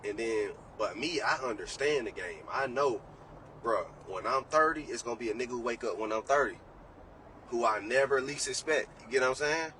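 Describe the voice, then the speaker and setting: A trading educator in his late twenties speaks as a guest on a casual podcast, his medium-pitched voice bright and forceful at a normal pace. Blunt and profane, he preaches hard-won advice, recorded on a distant mic with faint background noise.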